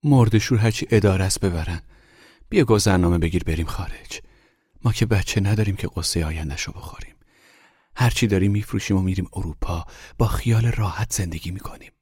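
A man's voice: sits low, a little mellow, slightly rough, dry recording, studio quality. A man voicing an anxious, devoted middle-aged wife in a storybook reading, pleading and urgent.

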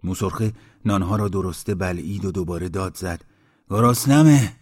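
A man narrating a storybook in a steady, measured reading voice. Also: low voice, no echo, studio quality.

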